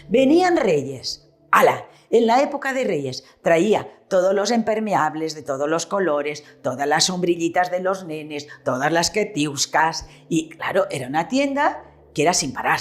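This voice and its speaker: A woman in her seventies with a Valencian-tinged Spanish accent, reminiscing in an interview about her family's shop and acting out the dialogue she remembers. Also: sits low. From Petrer, eastern Spain. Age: 70s. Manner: animated storyteller who acts out remembered dialogue. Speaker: retired shopkeeper.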